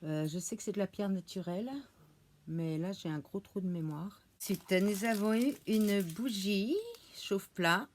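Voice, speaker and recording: A woman's voice: mid-range voice, unhurried, slight background noise. A French woman chatting casually at home as she unboxes a witchcraft subscription box, hesitant, with many fillers and easy laughs. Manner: laughs easily while showing items. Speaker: unboxing vlogger.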